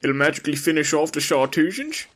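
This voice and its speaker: A man's voice: on the high side, big pitch swings, fast talker, a bit bright. A man voicing a skeptical, foul-mouthed soldier who scoffs at talk of magic. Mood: blunt scoffing. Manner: scoffing, swearing.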